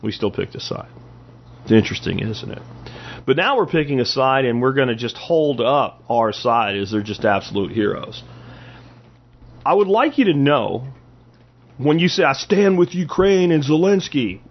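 A man with a mid-range voice hosts a podcast, arguing his political opinions forcefully through rhetorical questions and repeated phrases. The audio has its highs cut off.

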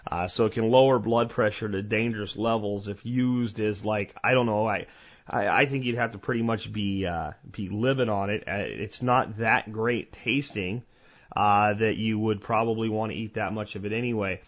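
A man's voice: lowish voice, fairly even intonation, normal speed. An American man hosting a podcast solo, talking informally and conversationally, rambling through asides and personal recollections. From eastern United States, Florida and Pennsylvania. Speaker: podcast host. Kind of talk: informal solo podcast talk on medicinal plants. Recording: dull, lo-fi podcast audio.

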